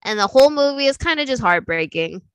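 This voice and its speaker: A woman co-hosting a podcast, chatting casually about films and TV in a lively, animated way and laughing easily. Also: high-pitched, fast talker, clean tone, dry recording. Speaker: podcast co-host.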